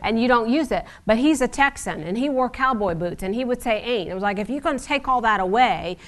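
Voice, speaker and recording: A woman's voice: on the high side, expressive, fairly quick. A middle-aged woman preaching a sermon in a conversational, wry teaching manner with frequent asides.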